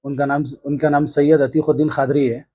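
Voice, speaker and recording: A man in his thirties with a Hyderabadi accent, giving an earnest, halting news interview. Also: fairly high pitch, little pitch movement, phone-quality sound. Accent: Hyderabadi Hindi. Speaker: interviewee, complainant. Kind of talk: news interview, recounting an attack.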